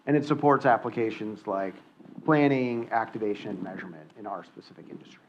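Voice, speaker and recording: A man on a conference panel, giving measured, precise answers. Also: fairly low pitch, lo-fi sound, slight background noise. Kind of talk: panel discussion.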